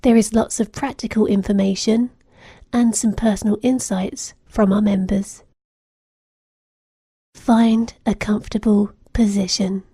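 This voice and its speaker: In a calm, measured guided meditation, a woman's mid-range voice comes across soft and soothing, breathy with occasional slight fry. The recording is close and dry, with no echo and no sense of the room around her.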